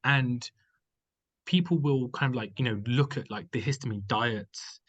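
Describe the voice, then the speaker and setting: A man's voice: medium pitch, a little slow, lo-fi sound. A man talking as a podcast guest, telling his story in a loose, rambling way with plenty of "like"s. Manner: rambling, filler-heavy storytelling with many "like"s. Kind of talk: casual chat.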